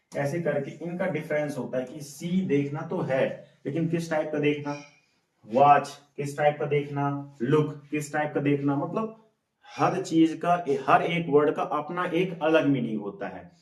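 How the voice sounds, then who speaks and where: A man's voice: a little high, a little slow. Indian man drilling English, echoey room. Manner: repetitive drilling, asks and answers his own questions. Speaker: English teacher. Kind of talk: classroom lesson. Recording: echoey room, mic far off.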